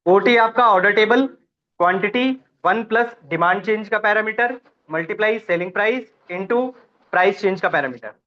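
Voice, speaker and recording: A man's voice: high-pitched, moderate pace, highs cut off. A man teaching a live online class, walking students through each step and checking in with them as he goes.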